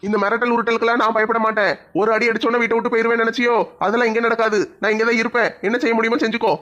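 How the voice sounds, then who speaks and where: A man's voice: very high-pitched, level tone, very fast, sharp tone. An actor playing a drunken, shameless middle-aged father. He talks in a blustering, mock-pleading way. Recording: dull lo-fi sound.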